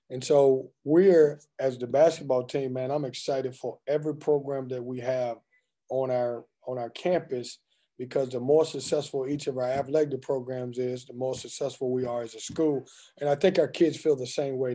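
A man in his forties speaks over a video call webcam, his voice mellow and dark-toned. He answers postgame questions in a candid, loose and joking way. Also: mid-range voice. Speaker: head basketball coach. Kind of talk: postgame press conference. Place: indoors in front of a team backdrop.

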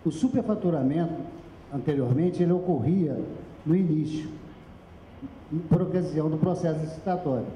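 A man's voice: on the high side, moderate pace, pauses often, mellow, slight background noise. A middle-aged man with a Brazilian Portuguese accent, giving an emphatic seminar presentation into a handheld microphone. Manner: emphatic, gesturing, directs slide operator. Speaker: speaker at a public accounting seminar. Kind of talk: explanatory presentation. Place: small meeting room with audience. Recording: echoey room recorded from afar, dull.

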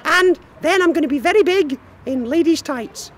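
A man voicing a goofy, bantering Scottish sock puppet in a squeaky falsetto, improvising a comedy sketch. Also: normal speed, a bit bright. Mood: silly, playful.

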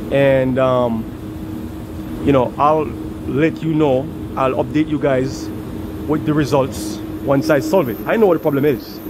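A man's voice: medium pitch, measured pace. A man working as an HVAC technician, talking casually to his viewers while filming a commercial AC unit, often repeating and restarting his words. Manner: chatty, repeats himself, restarts lines. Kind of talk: casual on-the-job vlog. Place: beside a commercial rooftop AC unit. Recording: loud machine noise behind the voice.

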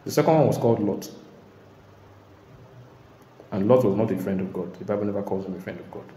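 A man preaching a sermon in an emphatic way, now and then bursting into shouts and laughter. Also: on the low side, brisk, a little hiss or hum. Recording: echoey hall.

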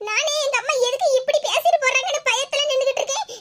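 A nervous cartoon daughter. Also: female voice, very high voice, racing. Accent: Kanyakumari Tamil. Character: anxious young woman, the daughter Malar.

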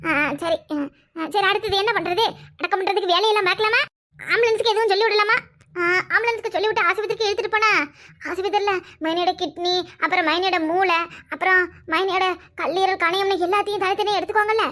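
A woman's voice: extremely high pitch, fairly even intonation, quick pace, a bit bright. A woman voicing a lazy, greedy and cheeky young sister-in-law in a cartoon, brash and mocking in a Kanyakumari Tamil accent. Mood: scheming. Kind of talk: cartoon voice acting.

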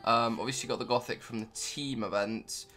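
A man's voice: medium pitch, steady tone, moderate pace, bright, forceful tone, faint music behind. A young man giving casual, rambling commentary over his card-game footage, full of ums and offhand remarks. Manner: rambling, filler-heavy, offhand. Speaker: gaming YouTuber.

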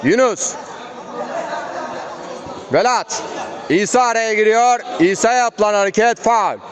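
A man's voice: sits high, slow. A man giving live play-by-play football commentary in short, clipped phrases, calling out player names. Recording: crowd and outdoor urban noise behind. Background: crowd at an outdoor match.

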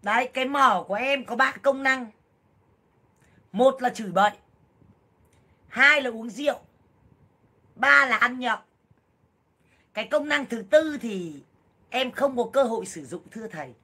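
A woman in her thirties on a casual livestream, loud, blunt and jokey, full of exclamations as she talks to viewers. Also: on the high side, measured pace, pauses often, breathy edge. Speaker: livestream seller and vlogger.

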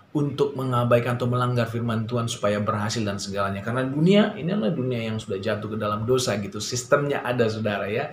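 Preaching man in a roomy hall. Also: fairly low pitch. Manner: conversational preaching with many fillers; animated storytelling. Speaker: pastor. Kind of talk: sermon. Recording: roomy echo, faint ambient noise.

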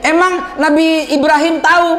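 High-pitched, animated male preacher. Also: normal speed, big-room sound, a little hiss or hum. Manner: animated, acts out quoted voices in local Jakarta slang. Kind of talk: lively sermon to a congregation.

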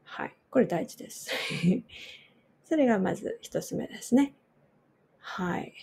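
Slow gravelly woman pronunciation coach. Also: mid-range voice, animated, warm tone. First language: Japanese. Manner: slow, repeats words for drill. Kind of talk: pronunciation lesson.

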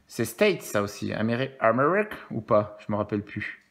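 A man's voice: lowish voice, very animated, a little fast, fairly bright tone. Playful man calling out scratch-card numbers. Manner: playful and jokey, counts numbers aloud, chats with viewers. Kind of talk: casual live commentary.

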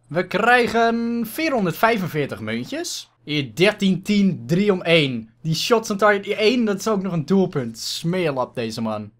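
A high-voiced man with a Dutch accent talks over his gameplay, his pitch leaping all over the place. He swears freely and throws in English exclamations while staying excitable throughout. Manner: excitable, frequent swearing and frustrated outbursts. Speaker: gaming YouTuber. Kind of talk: casual gameplay commentary.

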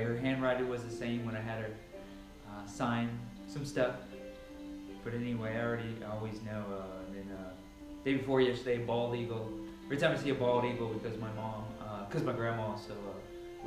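A man with a medium-pitched, steady voice speaks briskly over music in a large, sparsely furnished living room at home. He gives a casual introduction and then reads scripture dramatically. A camera a few metres away picks him up, so the room sounds echoey and distant.

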